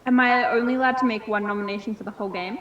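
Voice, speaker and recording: A woman speaking in a measured, formal way while improvising in a party game. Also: fairly high pitch, fairly even intonation, a bit bright, lo-fi sound. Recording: echoey room.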